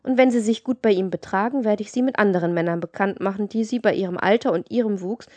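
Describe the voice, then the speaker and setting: A woman's voice: mid-range voice, fast, mellow, dry recording, lightly acted. A woman voicing a scheming, greedy procuress with a boastful, coaxing manner in an audiobook reading.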